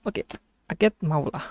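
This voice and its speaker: A streamer from Indonesia with an Indonesian accent, giving casual reaction commentary in a hesitant, self-correcting way, as if thinking aloud. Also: no room sound.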